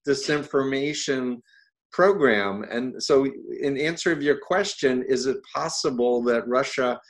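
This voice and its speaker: A man's voice: mid-range voice, normal speed. Male interview host, mid-range voice, earnest, stumbles over repeated words. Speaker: host and cult expert. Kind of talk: conversational interview.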